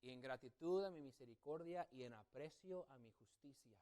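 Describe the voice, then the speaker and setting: A man's voice: mid-range voice, moderate pace, dark tone. A man preaching a sermon as a pastor, telling a story and acting out family members' voices. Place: church sanctuary.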